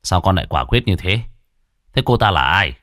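A man's voice: low voice, very animated, normal speed, bright, forceful tone, no echo, clean studio sound, heavily acted. A man voicing a stern, matter-of-fact middle-aged village father for an audio ghost story.

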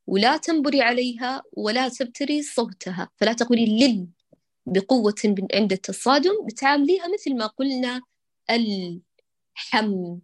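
A woman teaching Quran recitation to a student, patiently correcting her and stretching out sounds slowly to show how they should be said. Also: fairly high pitch, no room sound. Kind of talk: one-on-one recitation coaching.

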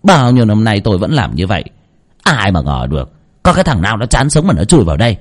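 A man's voice: on the low side, big pitch swings, fast talker. A man doing a grumbling old bald landowner. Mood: indignant. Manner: indignant, self-justifying.

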